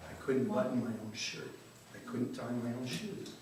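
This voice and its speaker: Speaking to a live audience in a large, echoey hall, an older dentist recounts a candid story from his own life at a story-slam. He's earnest and wry, swearing now and then for emphasis. His medium-pitched voice is slightly mellow at normal speed, coming from a distance with slight background noise.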